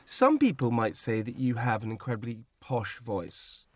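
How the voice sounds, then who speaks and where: A man hosting a podcast in a small booth, bubbly and teasing, quick to laugh. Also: medium pitch, wildly swooping pitch, no room sound. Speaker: podcast host. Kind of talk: casual podcast chat.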